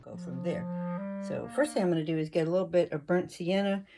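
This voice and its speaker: A woman talking through her oil painting as she works, thinking aloud in a casual, unhurried way. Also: fairly low pitch, creaky, over music. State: hiccuping. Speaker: painting instructor. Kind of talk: casual painting tutorial narration.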